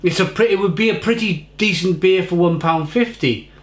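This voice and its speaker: A man with a high voice, speaking at normal speed in an echoey room, casually reviews a beer at home. He's chatty, often repeats his words, and gestures with his hands. He's indoors in his home kitchen, recorded by a fixed camera at a desk.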